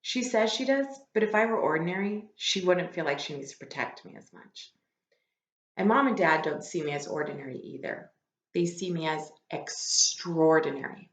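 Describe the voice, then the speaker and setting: This teacher, whose pitch sits fairly low, reads a book to the class at a moderate pace. She talks with them casually, explaining and asking questions, in a room with an echo.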